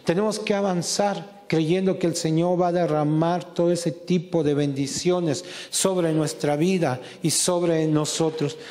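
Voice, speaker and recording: A man preaching a sermon in a church hall, impassioned and rising to shouts as he acts out quotes. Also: fairly high pitch, fairly even intonation, unhurried, hardly any pauses. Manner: impassioned, rises to shouting when acting out quotes. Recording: long reverb of a hall.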